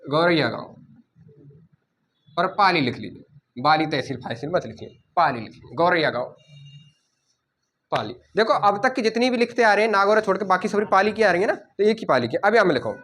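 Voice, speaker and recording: Guy teaching a coaching class, pretty high voice, dictates notes and says key words over and over slowly. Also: animated, fairly bright tone. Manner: repeats key words slowly for students to write.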